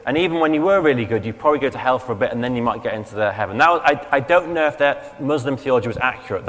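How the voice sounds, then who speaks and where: A man's voice: mid-range voice, fairly bright tone, long reverb tail. A man preaching a sermon in a casual, conversational way, with fillers and restarts and questions to the congregation. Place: church.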